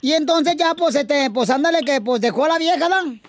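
A man's voice: extremely high pitch, normal speed, slight background noise. A man hosting a morning radio show, cracking jokes and slangy banter. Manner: playful, laughing, slangy joke-teller.

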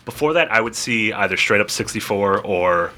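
A man's voice: fairly low pitch, lively intonation, moderate pace, pushed and bright, a little hiss or hum. A man co-hosting a casual podcast, hesitant, with many fillers and restarts. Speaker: podcast co-host.

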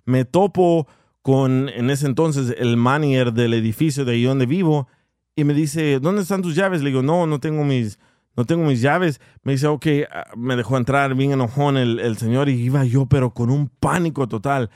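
A man's voice: mid-range voice, normal speed, dry recording, clean studio sound. A man telling a funny story in casual chat, laughing and acting out the people in it. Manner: animated, laughing, acts out voices of people in his story.

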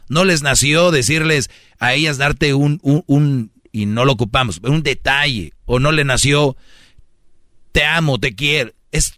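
A man's voice: fairly high pitch, pushed and bright, no echo, clean studio sound. A man giving mocking, preachy advice as a comedic radio host.

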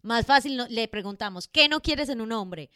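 A woman co-hosting a motivational podcast, speaking in a slow, playful way. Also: fairly high pitch, animated, sharp tone, smooth, no room sound, clean studio sound. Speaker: podcast co-host. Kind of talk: casual podcast chat.

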